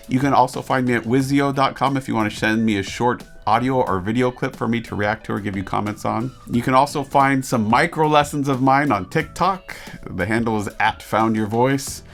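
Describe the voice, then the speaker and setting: Male vocal coach, mid-pitched voice, eager and explanatory, talks through technique in a casual reaction-video style. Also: moderate pace, vocal fry, fairly bright tone, faint music behind. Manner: enthusiastic, explanatory, asks rhetorical questions. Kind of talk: casual teaching commentary.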